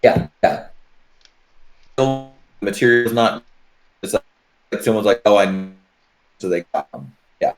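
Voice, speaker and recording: A man's voice: on the low side, lively intonation, unhurried, pauses often, soft background music, poor audio. A man chatting casually during an online tabletop game, his speech rambling and full of restarts, with his mic cutting out over a bad connection. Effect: mic cutting out over a bad voice-chat connection.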